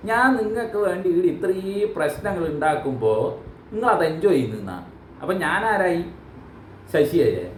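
A man's voice: high-pitched, very animated, moderate pace, reverberant, slight background noise, poor audio. A man hosting a reaction video, joking and teasing in mock outrage. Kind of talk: casual comic commentary.

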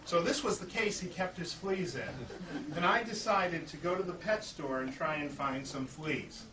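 A man's voice: sits high, moderate pace, a crowd in the background. A man performing live stage comedy as a playful, grandiose flea circus showman, pattering to an audience with puns and mock announcements. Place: live indoor show before an audience. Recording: noisy, echoey room, distant mic.

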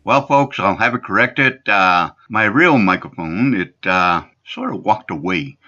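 A man hosting a country radio show, chatting offhand between songs with "uh"s, his voice thin and tinny with no bass, as if from a tin can. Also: very animated, sharp tone. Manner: offhand, halting with "uh"s. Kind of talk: casual on-air chat. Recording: thin lo-fi sound, off-mic.

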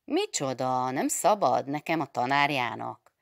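Egy nő felolvasásában fanyar humorú fiatal pap-tanár. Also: female voice, a bass voice, expressive, creaky, no room sound, full character voice. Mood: probing. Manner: dry ascetic humor, half-stern, probing. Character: stern, wry young male priest teacher.

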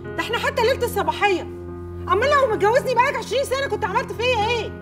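An actress playing a jealous, quick-tempered young newlywed, speaking with an Egyptian accent, fast and accusing. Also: female voice, very high-pitched, expressive. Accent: Egyptian Arabic. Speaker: jealous new bride. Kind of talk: Egyptian film acting. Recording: film audio with music behind.

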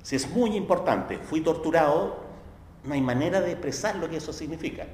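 Speaking fast with lively intonation, this Chilean-accented man delivers a chatty university lecture on philosophy. He uses tag questions to check understanding and performs quoted voices with abrupt pitch leaps. The lecture hall sounds echoey, with a little background noise.

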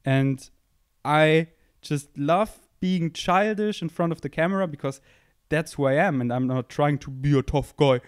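Seated on a couch in an indoor room, a young male podcast host thinks aloud in a casual, rambling monologue, playful and self-mocking, with a handheld mic held close. His voice sits fairly high and moves a little slowly. The tone is clean, with no echo.

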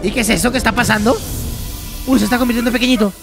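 A YouTuber giving excitable reaction commentary, laughing often and reading the characters' lines aloud. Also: mid-range voice, rapid-fire, vocal fry. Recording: music playing underneath.

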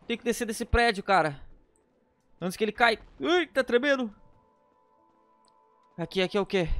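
A man's voice: high-pitched, fairly bright tone, no room sound. A man giving panicky, exclamatory gameplay commentary, often repeating words. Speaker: gameplay streamer.

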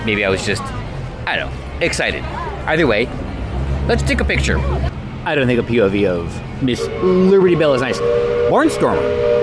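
A middle-aged man chatting casually to camera on a roller coaster outing at a theme park, musing aloud and correcting himself. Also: mid-range voice. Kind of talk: casual vlog chat. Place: outdoors at a busy theme park. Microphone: handheld action camera at arm's length. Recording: loud music behind outdoor speech.

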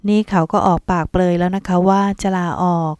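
A woman's voice: on the low side, level tone, a little fast, darkish tone, clean tone, dry recording, lightly acted. A woman reading an audiobook, voicing a polite, earnest woman worried about her adopted daughter. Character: devoted mother figure, polite and worried.

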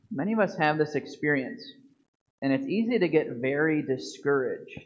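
A man in his thirties, a priest giving a homily at a church lectern into a fixed microphone, preaching earnestly with slow emphatic stresses. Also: on the high side. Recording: dull lo-fi church video stream.

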